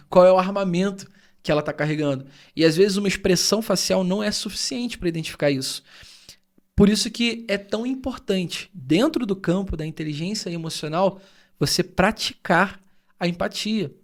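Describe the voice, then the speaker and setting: In a reflective podcast conversation, a co-host from Brazil's Rio de Janeiro state speaks in a high, earnest voice. He comes across as thoughtful and gives lengthy explanations.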